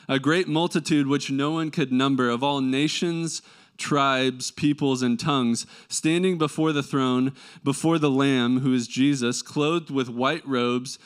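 A man delivers a sermon in a clear, smooth voice with a nasal tinge from a mild cold. He moves between reading scripture and explaining it conversationally, often checking in with rhetorical questions. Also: mid-range voice. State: slight head cold. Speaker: preacher.

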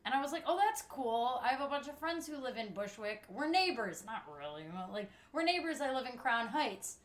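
Lively guest telling a story, slightly high voice, echoey room. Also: female voice, fairly quick. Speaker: guest, singer. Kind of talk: casual chat. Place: home studio.

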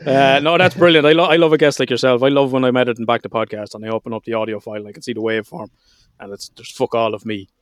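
A man's voice: mid-range voice, level tone, very fast, no room sound. A man with an Irish accent hosting a podcast in a casual, joking, informal way. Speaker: podcast host. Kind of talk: casual chat.

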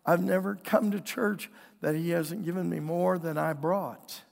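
Unhurried and steady, a high male voice with vocal fry and a dark tinge preaches a conversational church sermon. He's folksy and earnest, frequently asking his congregation for an amen, though his voice is strained, weakened, and broken by throat clearing. The hall adds a long reverb.

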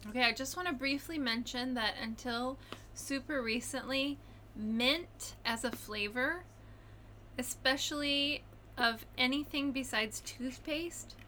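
Brief: young woman co-host, bright and high, teasing and playfully dramatic, faint hiss. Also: a little slow. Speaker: podcast co-host. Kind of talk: casual chat.

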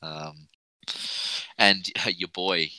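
A man's voice: low-pitched, fairly even intonation, extremely slow, very noisy. An Australian man hosting a sports podcast in casual, blokey, informal chat. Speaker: podcast host.

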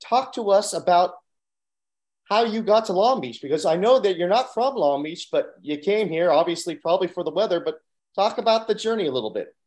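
A man's voice: high-pitched, expressive, a little fast, darkish tone. A man hosting a local podcast, asking questions in an upbeat, enthusiastic way. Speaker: podcast host. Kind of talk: casual interview hosting.

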